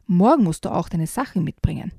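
A woman voicing a pig schoolteacher giving a new pupil brisk instructions. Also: fairly low pitch, animated, vocal fry, dark tone, breathy edge, dry recording, clean studio sound, heavily acted.

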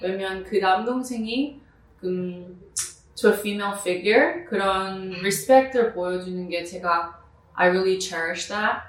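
A Korean American woman gives casual interview answers in a halting, slow-paced way. She is a native English speaker and often switches into English phrases mid-sentence. The sound is roomy and echoing, picked up at some distance from the microphone. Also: mid-range voice. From New Jersey, United States. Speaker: musician being interviewed.

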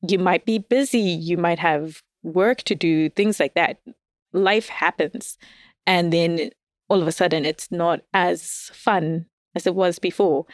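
Here a woman podcast guest speaks in a fairly low, steady, unhurried voice while chatting casually about dating. She's candid and self-deprecating and laughs a lot, and the studio-quality recording has no echo.

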